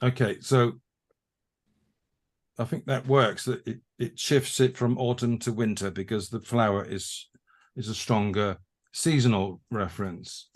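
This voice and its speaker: A man tutoring a haiku workshop over a video call, talking in halting restarts as he thinks aloud. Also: lowish voice, steady tone. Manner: halting, repeats words while thinking. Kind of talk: conversational teaching.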